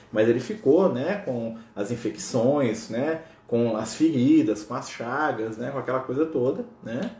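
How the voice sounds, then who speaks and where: A male spiritual lecturer telling a story in a chatty, conversational way, tagging his sentences with questions to the audience. His voice sits at a mid pitch, and the room sounds echoey. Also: warm tone. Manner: conversational, peppered with tag questions.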